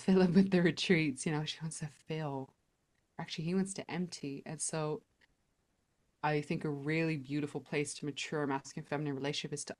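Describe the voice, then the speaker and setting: A woman guest on a podcast interview, explaining her ideas in an earnest, teacherly way. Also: low-pitched.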